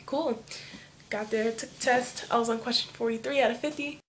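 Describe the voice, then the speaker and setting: At home, a teenage girl tells a personal story to the camera, rambling casually and leaning on "like" as filler. Her voice is on the high side at a moderate pace, with slight background noise.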